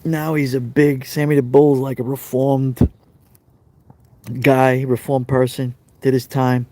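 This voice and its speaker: A middle-aged man from Brooklyn, New York, with a Brooklyn accent, hosts a casual live stream, chatting straight to viewers, reading their comments and often repeating phrases. His mid-range voice is slow and warm with little pitch movement, and there's no room sound.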